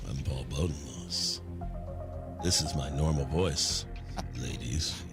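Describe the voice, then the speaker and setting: A man putting on a low, unhurried, breathy voice as a smooth, suave radio man. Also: over loud music, exaggerated voice. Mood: smug, suave.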